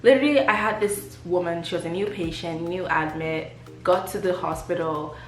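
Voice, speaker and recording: A woman from Africa who works as a nurse, telling stories from her job in a casual, expressive way. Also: fairly low pitch, normal speed. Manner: conversational, expressive, frequent "like" fillers. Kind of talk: casual storytelling vlog. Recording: roomy sound with faint music behind.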